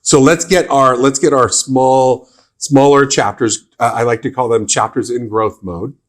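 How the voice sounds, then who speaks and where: A man's voice: mid-range voice, fairly even intonation, measured pace. A man hosting a business podcast, chatting with his guest and often agreeing with her. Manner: affirming, frequent agreeing interjections. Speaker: podcast host. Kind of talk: conversational podcast interview.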